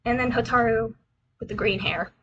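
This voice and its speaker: Her voice is a little high and fairly bright, at a normal speed, as she chats on a livestream as a cute anime-style VTuber introducing herself over a slideshow. The young woman rambles and repeats phrases, poking fun at herself. The sound is lo-fi with a little hiss or hum.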